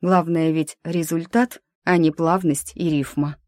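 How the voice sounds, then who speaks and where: A woman reads a novel aloud in a low, even voice. The recording is close and dry, with no room around it. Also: measured pace, no room sound. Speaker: audiobook narrator. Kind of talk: scripted narration.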